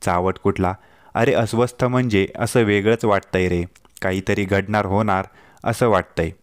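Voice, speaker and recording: A man's voice: lowish voice, steady tone, moderate pace, smooth, no room sound, studio quality, natural voice. A man voicing an affectionate, teasing young wife in a told story, playful and pleading by turns. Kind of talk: storytelling dialogue.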